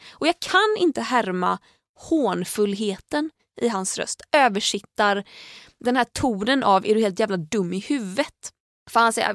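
A woman telling an indignant story in casual chat, animated and swearing as she retells it. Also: mid-range voice, creaky, no echo, studio quality.

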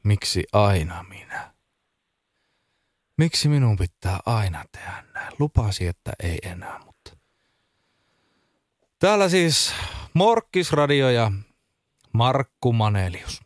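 A man voicing a gloomy radio host who always messes up, speaking slowly and glumly. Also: mid-range voice, very animated, no room sound, clean studio sound, natural voice.

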